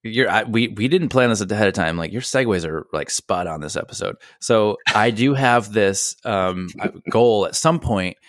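A man's voice: lowish voice, moderate pace, few pauses, no echo, studio quality. A man co-hosting a casual chat, joking and self-deprecating. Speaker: podcast co-host.

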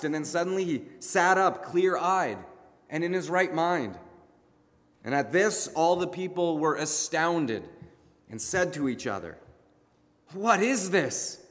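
A male pastor preaches a narrative sermon, building drama with deliberate pauses. His voice sits a little high. A long reverb trails each phrase through the large church room. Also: fairly bright tone. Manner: dramatic retelling with emphatic pauses. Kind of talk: sermon storytelling.

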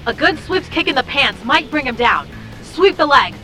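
A bright, high-voiced superhero sidekick. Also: female voice, big pitch swings, moderate pace, faint music behind, exaggerated voice, rough recording. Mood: focused. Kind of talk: animated comedy voice acting.

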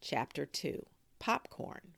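A woman hosting a storytime, reading a children's book aloud in an expressive, animated way. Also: slow pace, no room sound. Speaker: storyteller host.

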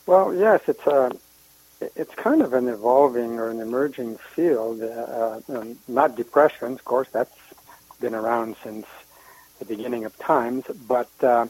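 Husky-voiced man from Canada, hesitant. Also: medium pitch, a little slow, a little mellow, poor audio. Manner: hesitant, many uhs and restarts. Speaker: guest commentator. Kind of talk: casual radio interview.

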